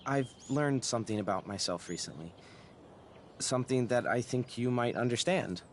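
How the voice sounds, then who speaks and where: An actor playing an earnest, righteous young student activist in a video game, with a preachy, emphatic way of talking. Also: male voice, mid-range voice, normal speed, slight background noise, natural voice. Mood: earnest, reproachful.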